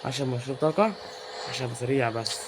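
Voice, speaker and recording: Fast-talking Egyptian gamer, a touch higher-pitched, teasing and excitable, with steady clicking noise behind him. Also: male voice. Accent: Egyptian Arabic. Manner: excitable and teasing, yells at game characters. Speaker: gaming YouTuber. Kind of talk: live gameplay commentary.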